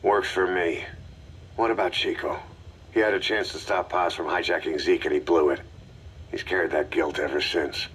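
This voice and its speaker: An actor playing a gruff mercenary leader in a video game, giving a grave, terse, commanding briefing. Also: male voice, deep voice, fairly even intonation, moderate pace, fairly bright tone, a little hiss or hum. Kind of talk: video game voice acting, mission briefing dialogue.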